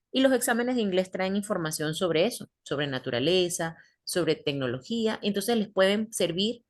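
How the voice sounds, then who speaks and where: Patient woman teacher explaining step by step. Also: lowish voice. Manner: patient, explains step by step, asks the class questions. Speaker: English teacher. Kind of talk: online class teaching.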